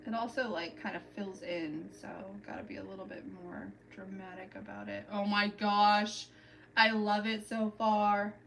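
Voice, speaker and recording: This nail-art livestream host has a medium-pitched voice with vocal fry, a flat delivery and a normal speed. She chats casually with viewers at home, describing each step while doing her nails. The recording is poor and distant, with slight background noise.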